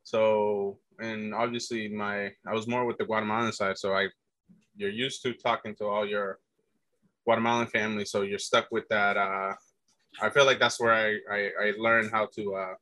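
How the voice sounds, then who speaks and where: A guest in a casual conversation tells stories of his youth and his life, rambling loosely with lots of fillers, restarts, and the word "dude." His fairly low voice moves little in pitch and has a bright, forceful tone at a normal speed, with no room sound.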